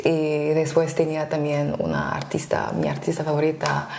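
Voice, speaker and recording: A young woman from Congo, a singer being interviewed, answering softly and hesitantly with many fillers. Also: deep voice, very animated, normal speed, vocal fry, echoey room, slight background noise. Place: small indoor studio, seated.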